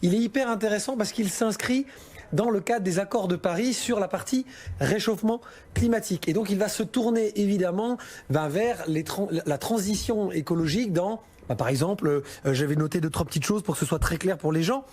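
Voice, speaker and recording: A man's voice: high voice, fairly quick, darkish tone. A man working as a financial adviser, explaining investments on a listener question show in a chatty, informal way with frequent hesitations.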